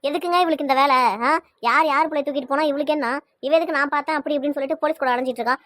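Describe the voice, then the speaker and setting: A woman's voice: high voice, steady tone, fairly bright tone, no echo, clean studio sound. A woman acting as an anxious mother worried about her missing daughter, firing off pleading questions in an amateur family web drama. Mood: scolding. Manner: rapid pleading questions, fretful.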